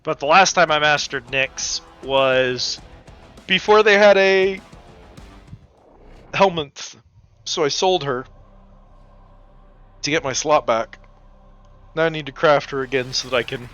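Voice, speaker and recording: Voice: mid-range voice, measured pace, pauses often, fairly bright tone, lo-fi sound. A livestream host chatting casually and effusively with viewers while playing a video game. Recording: game music behind the voice. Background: video game music.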